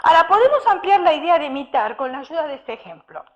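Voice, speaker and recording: High-voiced woman preaching a sermon. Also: sing-song, fast talker. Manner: storytelling with rhetorical questions to the congregation. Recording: dull lo-fi sound.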